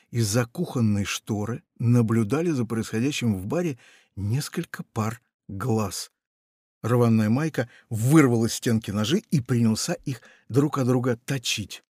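A man narrating a children's tale for an audiobook, in a playful, expressive storytelling manner. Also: medium pitch, measured pace, slightly rough, no echo, clean studio sound.

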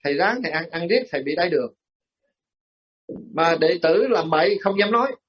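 A man's voice: on the high side, expressive, a little fast, breathy edge. A Buddhist monk with a Southern Vietnamese accent, giving a sermon as folksy storytelling with frequent chuckles, speaking directly to his listeners. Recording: muffled lo-fi recording.

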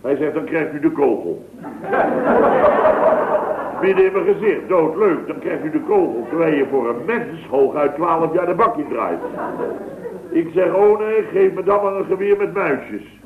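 Over a loud crowd, a man with an expressive voice on the high side speaks a little slowly. He's an actor in a 1960s radio sketch playing a boastful, wisecracking building-firm man who rambles through a comic anecdote full of punchy asides, heard on a tinny, noisy, echoey old broadcast.

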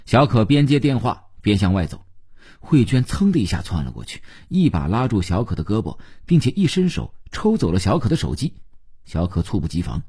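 Deep-voiced male audiobook narrator. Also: brisk, breathy edge. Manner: expressive, storytelling. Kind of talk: scripted novel narration.

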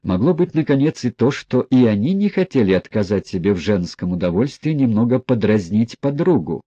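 A man narrating a classic novel as an audiobook in a measured, even reading. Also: medium pitch, slightly rough, no room sound, muffled recording.

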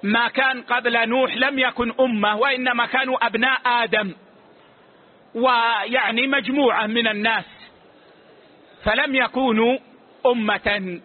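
A man, a religious scholar, giving a lesson and answering questions in a measured, authoritative way, closing each answer with a short word. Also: very high-pitched, fairly even intonation. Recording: tinny phone-like lo-fi recording.

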